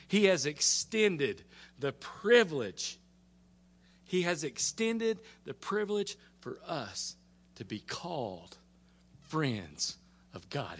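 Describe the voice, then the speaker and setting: A pastor preaching a sermon, stumbling over repeated words and climbing to fervent emphasis. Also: male voice, on the high side.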